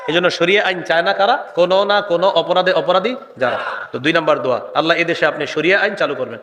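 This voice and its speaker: Male preacher, higher voice, rousing sing-song call-and-response, long hall echo. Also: fast talker, a bit bright, a little hiss or hum. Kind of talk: sermon.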